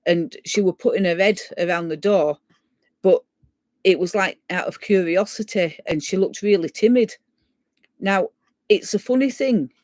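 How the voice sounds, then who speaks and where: A woman tells a ghost story in a relaxed, chatty way, clearing her throat now and then and acting out the voices of the people she quotes. Her voice sits at a middle pitch and is recorded close and dry, with no room sound. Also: dry recording. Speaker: guest storyteller. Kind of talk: casual spoken ghost story.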